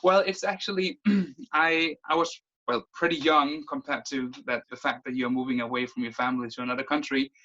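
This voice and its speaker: Young guy from denmark on a video call, bright voice, rushes along restarting himself, kinda muffled audio. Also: mid-range voice, fairly even intonation. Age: 20s. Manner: quick, lots of restarts and fillers. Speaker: interview guest. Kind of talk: casual conversation.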